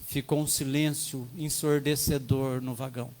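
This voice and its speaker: A man's voice: mid-range voice, level tone, normal speed, a little mellow, rough recording. A man with a Brazilian Portuguese accent preaching a sermon at a church service, telling a story and speaking to the congregation as brothers.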